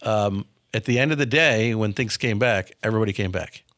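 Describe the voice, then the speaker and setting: Brisk and slightly bright, with a lowish voice, this small-town business owner from near Milwaukee, US, is in his 50s. During a casual interview he responds frankly, often repeating words as he gets a sentence going. The recording is studio quality and echo-free.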